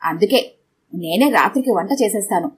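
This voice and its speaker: A woman's voice: medium pitch, expressive, normal speed, slight background noise, natural voice. A woman voicing a polite, eager young daughter-in-law.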